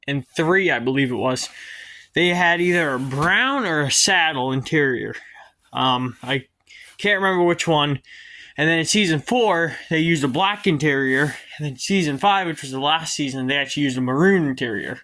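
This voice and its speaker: A man talks his way through a workshop project in his home garage. His voice is bright and forceful, pitched a little high. He rambles and hesitates, filling gaps with ums. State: out of breath at times. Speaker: garage vlogger. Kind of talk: casual workshop vlog.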